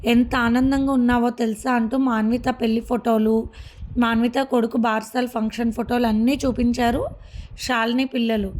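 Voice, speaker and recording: A woman storyteller reading a romance serial aloud, steadily, softly voicing the characters' lines. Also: fairly high pitch, flat delivery, normal speed.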